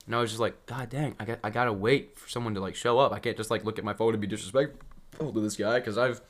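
Young guy on a podcast, telling a story all animated, does little voices and laughs a lot. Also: on the low side, fast. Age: young adult. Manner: animated storyteller, acts out quotes, laughs often. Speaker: podcast co-host. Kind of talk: casual storytelling chat.

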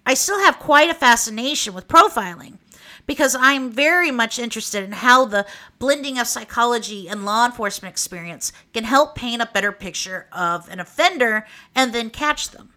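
A woman's voice: fairly high pitch, moderate pace, bright, forceful tone. A woman of about forty with an Oklahoma accent, hosting a podcast in a candid, informal, wry conversational monologue. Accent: Oklahoma (Okie). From Oklahoma, United States. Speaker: podcast host. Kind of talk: conversational personal monologue for a true crime podcast.

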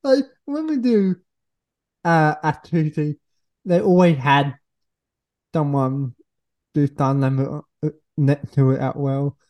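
A young woman guest on a podcast, speaking in a halting way and searching for words with pauses and "uh". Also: sits low, warm tone. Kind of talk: casual conversation. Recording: dull lo-fi recording.

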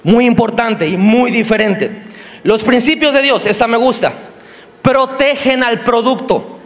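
High-voiced Mexican preacher in a reverberant hall. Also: male voice, a little slow. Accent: Mexican Spanish. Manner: animated, jokey, acts out squealing characters in a high voice. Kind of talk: sermon. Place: large church hall.

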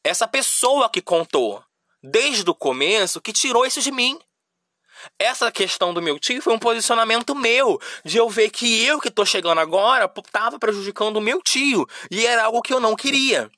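A man's voice: extremely high pitch, animated, normal speed, bright, forceful tone, no room sound, clean studio sound. A young adult man with a Brazilian Portuguese accent, telling a personal story in an emotional, repetitive way with lots of fillers. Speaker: podcast host.

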